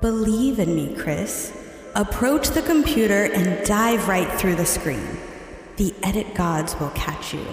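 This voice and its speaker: A woman voicing a calm echoing ghost guide. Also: mid-range voice, soft background music. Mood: patient. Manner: soft, unhurried, dryly patient. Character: calm ethereal female ghost guide, deadpan. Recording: heavy echoey reverb.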